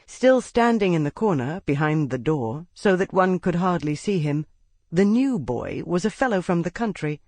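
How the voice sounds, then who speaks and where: A woman audiobook narrator reading a classic novel in a measured, expressive storytelling manner on a close studio mic. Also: low voice, no echo. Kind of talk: scripted literary narration.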